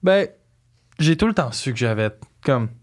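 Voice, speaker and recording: A man's voice: medium pitch, expressive, normal speed. A young adult man with a Quebec French accent, chatting casually in slangy speech sprinkled with English phrases. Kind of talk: casual chat.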